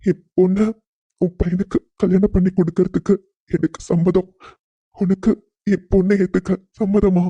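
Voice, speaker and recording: A man's voice: high voice, flat delivery, normal speed, mellow, slightly rough, no room sound, highs cut off. A humble pleading father. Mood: earnest. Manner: pleading, apologetic. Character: humble middle-aged father arranging his daughter's marriage. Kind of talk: cartoon voice acting.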